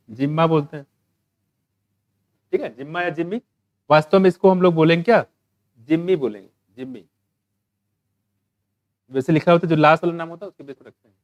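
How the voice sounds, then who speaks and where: A man teaching a biology exam-prep lecture, asking questions and answering them himself, reading English textbook lines slowly. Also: fairly high pitch, no echo.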